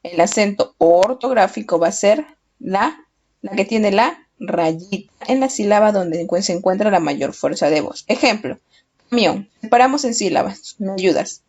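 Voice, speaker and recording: A woman teaching children, speaking slowly and patiently, asking questions and then answering them herself. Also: mid-range voice, lively intonation, a little mellow. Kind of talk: children's lesson. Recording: dull lo-fi recording.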